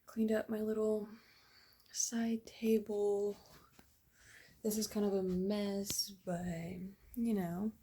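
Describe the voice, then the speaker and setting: A woman's voice: mid-range voice, level tone, takes it slowly, pauses often, mellow, a little hiss or hum. A young woman chatting casually to her camera at home in her first vlog, rambling with plenty of fillers. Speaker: vlogger.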